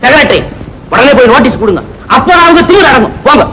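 A man's voice: very high voice, sing-song, quick pace, pushed and bright, slight background noise, heavily acted, low-quality recording. A stern rich old father. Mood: commanding. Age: older. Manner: commanding, dismissive. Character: wealthy stern father, proud and unbending.

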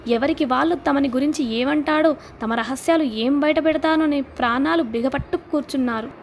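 A woman narrating a literary novel as an audiobook, in a steady storytelling manner. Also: high-pitched, normal speed, a little hiss or hum.

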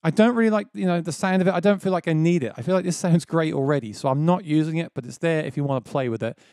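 A man in his thirties talks fast in a slightly mellow voice, which he himself calls quite low, while hosting a casual music gear tutorial. He explains things step by step with enthusiasm from a small home studio, speaking into a dynamic mic on a boom close to his face, and there's no echo.

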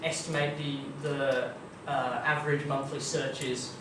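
Medium-pitched, flat, and measured, this young Australian man is the guest speaker at a marketing meetup, giving a casual tech talk that's chatty and full of ums and kind-ofs. He's in a dim meeting room with a projector screen, and the far room camera recording is echoey, distant, and noisy.

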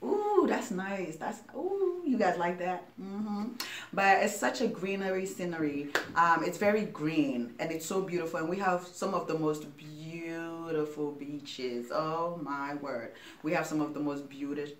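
A woman's voice: low-pitched, fairly even intonation, measured pace, roomy sound, distant mic. A young woman from Sierra Leone chatting casually to her viewers as a vlogger, laughing often and filling her talk with fillers. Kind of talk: casual chat.

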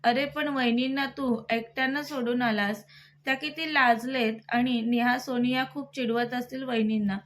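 A cheerful young man who loves to tease his best friend, as a woman narrator reads him. The delivery is playful and joking, pitched high in her own voice. It is an audiobook-style story reading. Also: steady tone, moderate pace, fairly bright tone, close to an everyday voice.

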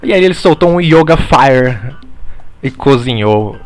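Comic man, deadpan fake professor lecturing over slides, swears offhandedly, plain mid-range voice. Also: mid-range voice, a little slow, faint music behind. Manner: deadpan, swears casually, mock-serious lecturing. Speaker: mock teacher. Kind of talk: parody online lecture.

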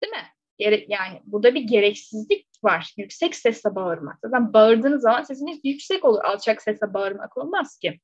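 A woman's voice: fairly high pitch, animated, fairly quick, no echo. A woman teacher working through exam questions step by step, often checking with rhetorical questions. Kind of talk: exam question walkthrough lesson. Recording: slightly dull, dry close recording.

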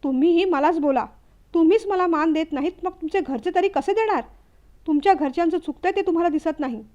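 Tired young wife who snaps back, read by a woman narrator; high voice, dull recording. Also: brisk, warm tone. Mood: angry. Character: worn-down young wife, pushed to anger.

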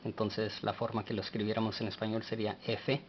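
A man teaching a language lesson, speaking slowly and spelling words out letter by letter. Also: on the low side, flat delivery, muffled recording, a little hiss or hum.

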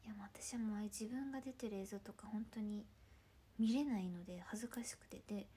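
A woman in her twenties from Ibaraki, Japan, hosting a casual livestream chat in a chatty, playful way, often dropping into soft murmured asides. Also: medium pitch, fast talker, slightly rough. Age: 20s. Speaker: idol livestream host.

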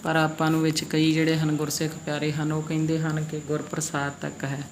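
A Gurbani pronunciation teacher giving a slow recitation lesson, respectfully drawing out each syllable and repeating words for practice. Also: medium pitch, completely flat delivery, a little hiss or hum. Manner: respectful, addresses the congregation as "ji".

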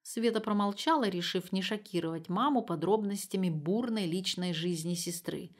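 A woman narrating a humorous story as an audiobook reader, with lively, expressive storytelling. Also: medium pitch, normal speed.

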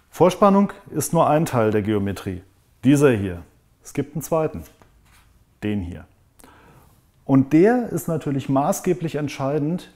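A man in his forties calmly and methodically explaining ski design in a workshop tutorial. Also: medium pitch. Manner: calm, methodical, demonstrates with hands. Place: indoor wood workshop.

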